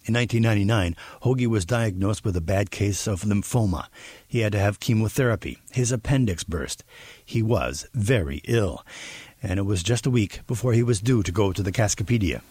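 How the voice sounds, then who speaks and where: A male reporter giving a scripted documentary narration in a lively storytelling way. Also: fairly low pitch, brisk, breathy edge, no room sound.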